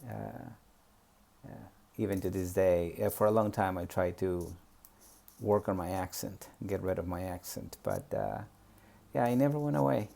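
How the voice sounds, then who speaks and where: A Peruvian man with a Spanish accent reminisces about his life as a memoir storyteller, hesitant and reflective, with many fillers. His low, warm, creaky voice swings widely in pitch at a moderate pace.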